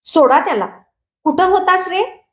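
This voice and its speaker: A woman's voice: extremely high pitch, expressive, a little slow, reverberant, voice pushed up. A woman voicing a firm village schoolteacher. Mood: stern. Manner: calling out to a class of children. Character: young male village schoolteacher, mild but firm.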